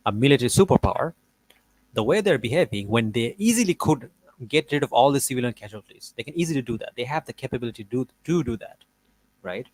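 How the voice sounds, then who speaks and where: A man giving casual reaction commentary on a debate. He argues his case in a loose, rambling way, stopping and restarting with plenty of fillers. His pitch sits in a middle range. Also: a little mellow, no room sound, poor audio. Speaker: debate reviewer.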